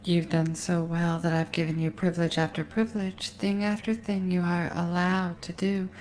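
A woman guiding a hypnosis session, speaking in a slow, repetitive, hypnotic cadence with a sultry, intimate tone aimed at the listener. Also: lowish voice, little pitch movement, darkish tone, rough recording. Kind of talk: guided hypnosis recording.

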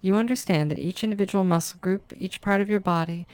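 A woman acting as a hypnotist, speaking a slow, soft, lulling trance induction with drawn-out phrasing. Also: mid-range voice, clear, resonant tone, no echo.

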